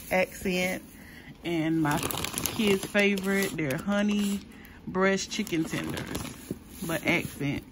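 With background noise behind her, a low-voiced woman from South Carolina talks viewers through her grocery haul. Her manner is chatty and unhurried, peppered with ums, and she keeps calling them y'all.

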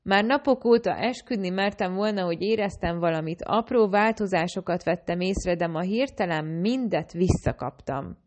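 A woman's voice: fairly low pitch, hardly any pauses, darkish tone. A woman narrating a fantasy audiobook, reading the characters' lines in a lightly varied version of her own voice.

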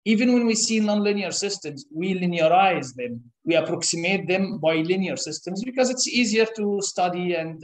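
A high-pitched Egyptian-born man, a professor appearing as an interview guest, gives explanatory answers in an echoey conference room. He's thoughtful, often pausing with "uh" and restarting. A camera across the table records him.

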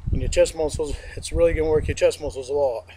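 Against a noisy background, a middle-aged man leads a workout on his backyard lawn, speaking fast in a fairly high, steady voice. The home fitness instructor sniffles from allergies, keeps his words plain, repeats himself, and counts reps aloud, all picked up by a distant camera mic.

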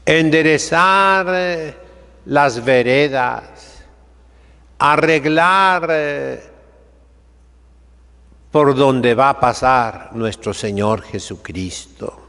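An older man, a priest, preaching a seated sermon in a chapel, slow and emphatic, with sweeping rises and drops. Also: mid-range voice, sharp tone, smooth, in a large hall. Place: chapel sanctuary, seated by the altar.

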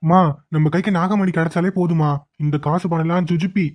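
An uneasy, doubtful young son in a cartoon, voiced by a woman. He grumbles in a lowish, quick voice. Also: fairly even intonation, a little mellow, lightly acted.

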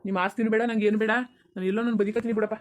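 A woman's voice: medium pitch, level tone, rapid-fire, close to an everyday voice. Woman voicing a defiant young village son. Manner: argumentative, insistent. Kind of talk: cartoon dubbing.

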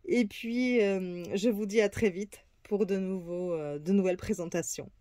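A woman's voice: medium pitch, measured pace, dark tone, no echo, clean studio sound. Hesitant woman presenting oracle cards. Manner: hesitant, many fillers and restarts. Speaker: tarot and oracle card reader. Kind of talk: casual card reading presentation.

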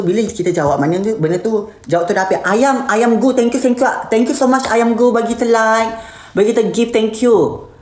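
A woman's voice: mid-range voice, a little mellow. A woman with a Malaysian Malay accent, an influencer hosting a live stream, reading viewer comments and answering bluntly, slipping English words into her speech. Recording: roomy echoey room.

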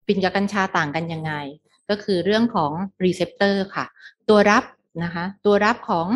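A middle-aged woman lectures on a medical topic in a slightly low voice. She explains each step patiently and drops English technical terms into her speech, softening her sentences with polite particles. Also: moderate pace.

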